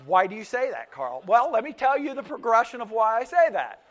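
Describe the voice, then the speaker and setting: A pastor in his fifties whose first language was Pennsylvania Dutch preaches in a very high-pitched voice with big pitch swings and a brisk pace. He tells stories conversationally, often restarting and repeating words.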